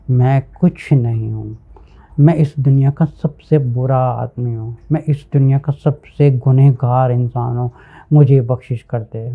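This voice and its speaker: A man preaching a sermon, earnest and emphatic, slipping English words into his talk. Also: mid-range voice. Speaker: Islamic preacher. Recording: narrow phone-like sound.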